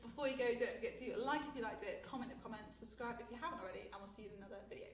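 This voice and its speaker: A woman co-hosting a casual video chat, telling a story in a chatty, lively way and laughing often. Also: fairly high pitch, very fast, echoey room, distant mic, poor audio. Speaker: co-host of a couple's channel.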